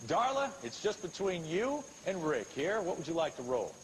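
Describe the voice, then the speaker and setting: An American man hosting a televised game show with smooth patter and drawn-out suspense. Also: fairly high pitch, sing-song. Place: television studio with audience. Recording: noisy old TV broadcast tape.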